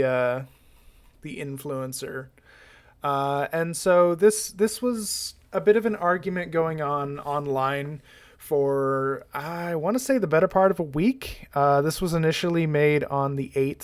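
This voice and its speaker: A man with an American accent giving casual YouTube commentary, halting with many fillers and dry sarcasm. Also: on the high side, smooth.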